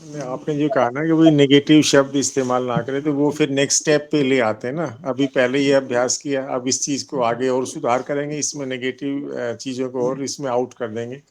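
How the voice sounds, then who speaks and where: A man's voice: mid-range voice, fairly even intonation, moderate pace, few pauses, darkish tone. Sincere man sharing in class. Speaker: student.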